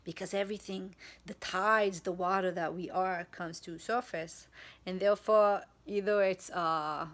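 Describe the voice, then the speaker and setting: A woman whose first language is Hebrew speaks in a casual spiritual vlog. She talks slowly, with a bright, clear tone. She often pauses, adds fillers and restarts while she searches for the right English word. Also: lowish voice, fairly even intonation. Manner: slow, searching for words, many fillers and restarts. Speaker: vlogger.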